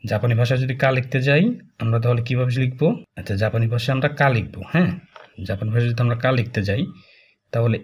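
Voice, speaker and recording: A man, teaching a casual language lesson, talking slowly and repeating filler words as he writes strokes. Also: medium pitch, a little mellow, husky. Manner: slow, repetitive, with many fillers while drawing strokes. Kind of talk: casual spoken lesson, explaining while writing.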